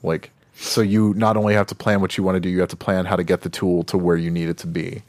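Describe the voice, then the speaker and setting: A man's voice: deep voice, little pitch movement, fast, darkish tone, no room sound. A man co-hosting a podcast, casually talking over games, filling his speech with "like" and "um". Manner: rambling, many "like" and "um" fillers. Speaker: podcast co-host. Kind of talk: casual game discussion.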